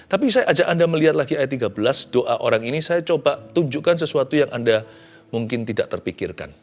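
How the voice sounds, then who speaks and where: A male pastor preaches with a lively, swooping voice that climbs and drops across every phrase. His delivery is chatty and conversational, punctuated by dramatic acted-out quotes. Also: medium pitch, quick pace. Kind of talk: sermon.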